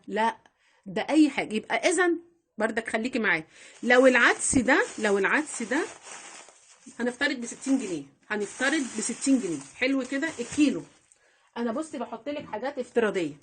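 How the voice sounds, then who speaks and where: A woman's voice: fairly high pitch, fairly bright tone, a little hiss or hum. A woman with an Egyptian Arabic accent giving household budgeting tips in a chatty vlog, repeating phrases and talking straight to her viewers. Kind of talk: casual instructional vlog.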